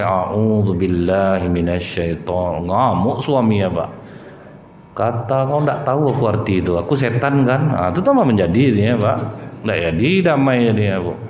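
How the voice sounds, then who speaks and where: A man's voice: on the low side, a little hiss or hum. A man preaching a sermon, telling stories and addressing the listeners as sir and ma'am. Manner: storytelling, addresses listeners as Pak and Bu. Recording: roomy, dull hall recording.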